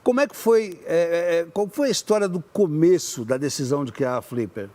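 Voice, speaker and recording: A man's voice: on the high side, animated, fairly quick, dark tone. A man with a Brazilian Portuguese accent hosting a talk show with jokey, theatrical banter.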